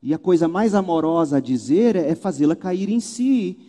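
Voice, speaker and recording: A man preaching from a church pulpit, animated, with rhetorical questions and wry asides. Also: fairly high pitch, normal speed, in a large hall. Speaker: pastor. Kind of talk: sermon.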